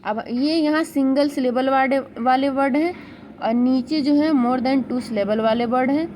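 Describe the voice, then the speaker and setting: A woman teaching grammar in an exam-prep video lecture, speaking slowly, sounding out syllables one by one and restarting words as she corrects herself. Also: sits high, a little mellow, slight background noise, rough recording. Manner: slow, explanatory, repeats words while correcting herself.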